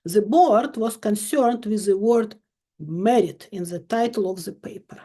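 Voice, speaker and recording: A woman in her fifties from Ukraine, a chemistry professor giving a measured, emphatic recorded lecture with dry irony. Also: mid-range voice, warm tone.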